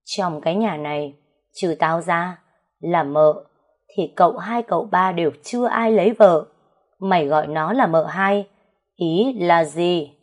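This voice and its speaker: A woman's voice: fairly low pitch, measured pace. A woman voicing a harsh, spiteful young first wife who scolds and snaps at the household. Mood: accusing. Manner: snapping, scolding.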